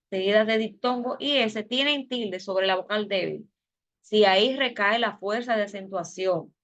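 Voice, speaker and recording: A woman's voice: mid-range voice, dull audio. A woman teacher giving an online class lecture, explaining step by step with fillers and self-corrections. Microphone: video call.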